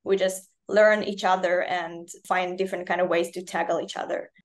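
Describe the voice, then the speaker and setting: A woman whose first language is Russian appears as a guest cybersecurity analyst in a casual interview. She speaks earnestly at a moderate pace, with a fairly low pitch, flat delivery, and slightly non-native phrasing.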